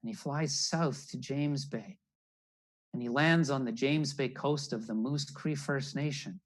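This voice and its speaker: At a measured pace and medium pitch, an older man reads a children's picture story aloud, adding a naturalist's explanations. It's recorded indoors over a video call using the computer's built-in mic.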